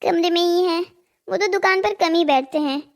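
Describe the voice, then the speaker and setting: A woman's voice: extremely high pitch, moderate pace. A woman voicing a wealthy, condescending village wife in a cartoon drama. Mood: teasing. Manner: teasing, condescending.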